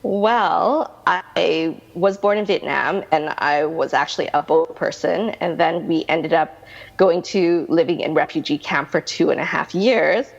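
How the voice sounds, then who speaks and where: A Canadian woman in her thirties talks through her answers with lots of fillers and restarts. Her low voice is husky with a gravelly fry. The recording is dull and lo-fi, with a long hall-like reverb. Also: measured pace. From Canada, Manitoba. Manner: chatty, rambling with many restarts and fillers. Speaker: guest, realtor. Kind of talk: interview answers.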